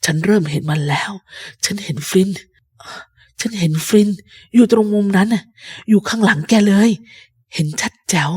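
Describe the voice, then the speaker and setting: A woman voicing a sick old male pirate captain who craves rum, talking slowly and low with strain. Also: breathy edge. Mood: pleading. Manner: slow, low, strained speech. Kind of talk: storybook reading.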